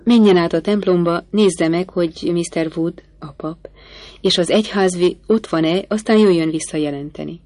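A woman reading the lines of an impatient, brusque gentleman bridegroom who gives curt, commanding orders. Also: fairly low pitch, no echo, close to an everyday voice.

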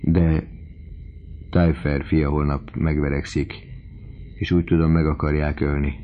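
A man's voice: extremely low pitch, level tone, lo-fi sound. A man voicing a doting, fiery old father in a story reading, talking with strong emotion. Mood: fond. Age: older.

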